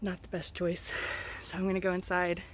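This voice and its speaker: A woman's voice: on the low side, completely flat delivery, fairly quick, slight background noise. Breathless woman vlogging on a walk. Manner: breathy, self-deprecating asides. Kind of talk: casual vlog while walking. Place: outdoors, walking a mile.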